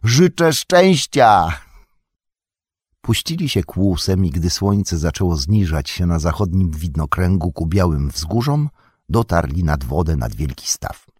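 A man narrating an audiobook in a steady, expressive storytelling manner. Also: low-pitched, measured pace, husky, no echo, studio quality. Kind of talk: scripted narration.

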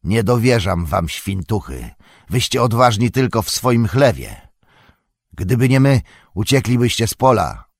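A man voicing a gruff, domineering male orc captain with a grating bass voice in an audiobook reading. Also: no echo, clean studio sound. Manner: commanding, boastful. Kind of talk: audiobook character voice.

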